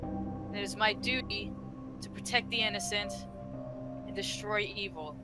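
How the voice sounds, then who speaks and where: A woman's voice: mid-range voice, moderate pace, loud music behind the voice, close to an everyday voice. A woman playing a proud, commanding lady paladin who makes imperious declarations in a tabletop game. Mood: firm command.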